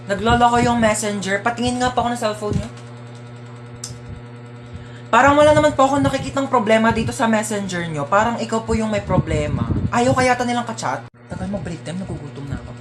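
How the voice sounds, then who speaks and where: A woman performing comic skits, playful and swinging between soft asides and loud outbursts. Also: a little high, brisk. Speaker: comedy skit creator. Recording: music playing behind. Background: music.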